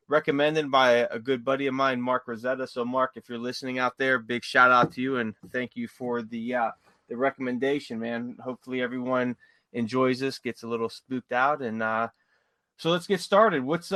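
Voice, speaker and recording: A man hosting a podcast, chatting in a relaxed, friendly way and saying "man" often, a bit stuffy from allergies. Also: mid-range voice, normal speed, no room sound. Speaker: podcast host. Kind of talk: casual podcast chat.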